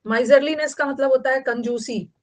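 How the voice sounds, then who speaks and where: Lady teacher, fairly high voice, mixes hindi in, keeps repeating words and asking the class. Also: fairly even intonation, normal speed, rough recording. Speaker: English vocabulary teacher. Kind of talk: online class lecture.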